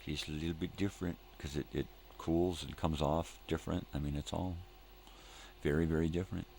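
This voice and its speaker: An older man with an extremely low, creaky voice rambles casually as a show host. He drifts and repeats himself in laid-back hippie slang. There is faint noise in the room recording. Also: fairly even intonation, fairly quick, a little mellow. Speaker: host of a live morning show.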